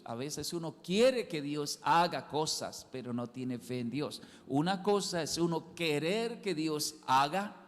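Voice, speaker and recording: Man, pastor, sermon, slow emphatic delivery, high-pitched, reverberant church hall. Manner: emphatic preaching that swings between loud and soft, repeating key words.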